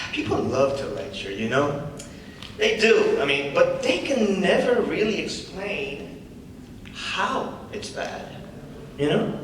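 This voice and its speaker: This young student actor plays the smug stand-up comic with an exaggerated, very animated, high-pitched voice, fairly bright in tone yet slow in pace. His delivery stays casual and conversational with rhetorical tag questions, heard from afar in an echoing hall with faint noise.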